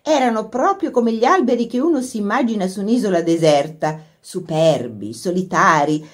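A woman reading a literary short story aloud as narrator, in an expressive storytelling manner. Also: mid-range voice, slightly rough. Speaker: audiobook narrator.

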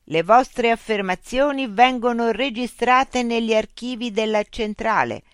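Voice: medium pitch, measured pace, clear, resonant tone, no echo, clean studio sound, pitched above the performer's own voice, close to an everyday voice. A narrator voicing a cold bureaucratic machine information unit that recites rules in a rigid, officious way. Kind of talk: audiobook character voice.

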